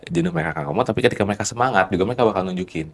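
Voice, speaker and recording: A man of thirty with a deep, low-pitched voice, chatting casually as a podcast guest. He explains his ideas methodically, building each point step by step. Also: rapid-fire. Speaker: guest, company founder.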